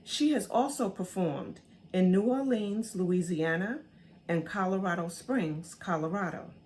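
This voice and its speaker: Slow, low-voiced woman host reading an intro. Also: a little hiss or hum. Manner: measured, formal announcing. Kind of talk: scripted introduction.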